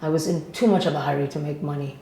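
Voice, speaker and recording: A woman's voice: low-pitched, steady tone, fast talker, warm tone, a little hiss or hum. A woman from Ghana, a guest from the energy industry, giving chatty interview answers with fillers and restarts. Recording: echoey room.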